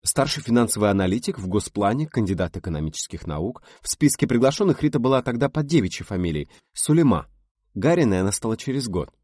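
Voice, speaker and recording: A man voicing a bold, blunt, energetic young woman in an audiobook reading. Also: on the low side, quick pace, husky, dry recording, studio quality, voice pushed up. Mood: eager. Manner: snappy, bold, mocking. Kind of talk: audiobook character voice.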